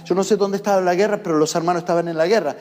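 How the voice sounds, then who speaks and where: Rioplatense preacher guy, pretty high voice, fired up, booming around a big church hall with long echo. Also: steady tone, very fast, a little mellow. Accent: Rioplatense Spanish. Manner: emphatic, calls the congregation to repeat after him. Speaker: pastor. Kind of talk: sermon. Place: church in the United States.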